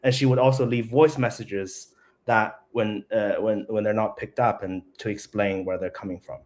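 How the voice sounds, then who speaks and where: Low-voiced man, halting guest talk. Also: steady tone, a little mellow. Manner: halting, restarts often, laughs lightly. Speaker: tech company CEO, guest. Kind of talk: casual interview conversation.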